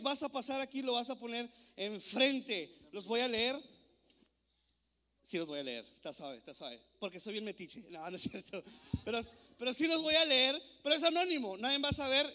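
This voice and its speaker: Born in Mexico and raised in Texas, a man in his thirties preaches a playful youth sermon on a handheld mic, joking and coaxing the crowd. His voice is very high, bright, and forceful, and the recording echoes through a large church auditorium.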